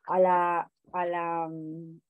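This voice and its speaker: A woman's voice: lowish voice, monotone, very slow, clean tone, no echo, phone-quality sound. Woman teaching an online class, dry sound. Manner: questioning, explanatory, many fillers.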